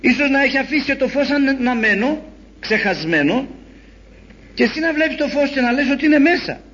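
A man preaching a sermon in an animated storytelling way, acting out the voices he quotes. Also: very high voice. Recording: dull lo-fi recording.

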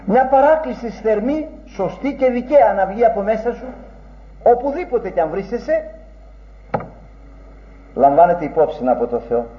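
High-voiced man preaching in an echoey room. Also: big pitch swings, long pauses. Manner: earnest, rhetorical preaching with old-fashioned phrasing. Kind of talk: sermon. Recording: dull, echoey room recording.

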